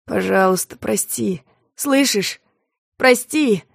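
A woman voicing a desperate, drunk young man who makes a hushed, broken confession in an audiobook story. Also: medium pitch, takes it slowly, creaky, no room sound, studio quality. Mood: pleading.

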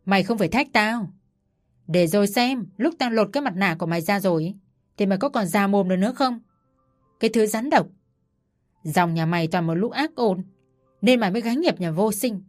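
A woman voicing a furious old mother-in-law who shouts coarse insults, with soft music behind. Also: mid-range voice, lively intonation, fast, lightly acted. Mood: furious scolding.

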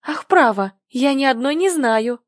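Woman doing a prim earnest little girl, high, dry close sound. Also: animated, a little slow, no room sound. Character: earnest polite young girl, easily offended.

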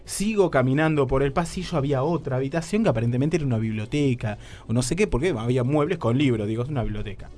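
A young man with a Rioplatense Spanish accent, telling a comic story on a radio show, animated and acting out his own lines, using crude slang. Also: medium pitch, quick pace, hardly any pauses, soft background music.

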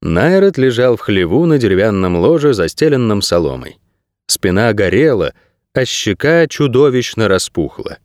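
A man's voice: medium pitch, darkish tone, no room sound, clean studio sound. A man reading an audiobook as narrator, telling the story expressively. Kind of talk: scripted narration.

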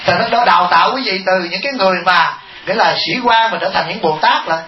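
A male monk teacher preaches in a high, bright voice, joking with his listeners and throwing them rhetorical questions. The sound is roomy and a little muffled, as if recorded in a reverberant temple hall. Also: quick pace, slight background noise. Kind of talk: humorous dharma talk.

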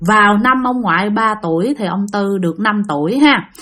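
A woman's voice: mid-range voice, animated, normal speed, fairly bright tone. A woman with a Southern Vietnamese accent telling a spooky story in a chatty way, speaking directly to her listeners.

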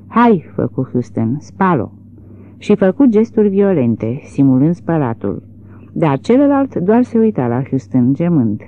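A woman narrates a literary novel in a measured, expressive way. Her voice is low but moves freely through its range. The audio is narrow and tinny, like a phone line.

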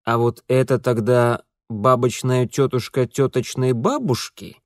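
A man voicing an unflappable young hero with a deadpan, sarcastic manner. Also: mid-range voice, unhurried, no room sound, studio quality.

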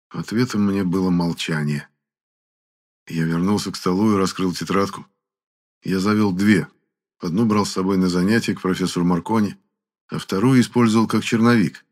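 Deep-voiced male audiobook narrator. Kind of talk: first-person audiobook narration.

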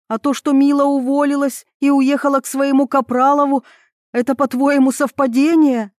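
A woman voicing a shrill, accusing middle-aged woman who feels betrayed by a friend. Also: little pitch movement, moderate pace, darkish tone, dry recording, clean studio sound, natural voice.

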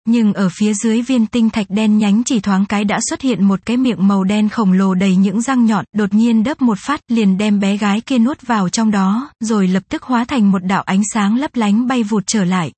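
A woman narrating a fantasy novel in a steady, even reading style. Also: mid-range voice, slightly rough, dry recording. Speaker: audiobook narrator.

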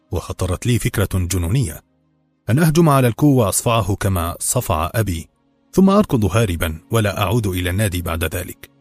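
Deep-voiced man narrating a novel. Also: no room sound. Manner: steady, measured storytelling. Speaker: audiobook narrator.

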